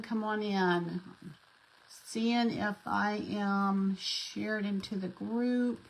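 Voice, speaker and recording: A woman's voice: on the high side, bright, forceful tone, low-quality recording. A middle-aged woman, chatting casually as she hosts a craft live stream and greets viewers by name. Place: home craft desk.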